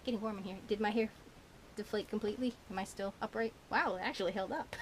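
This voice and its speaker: Her voice medium-pitched, dark, and husky, a woman talks a little fast as she casually rambles about her shopping haul on camera. She giggles often and uses many fillers, and a slightly burnt tongue makes her a bit slurred.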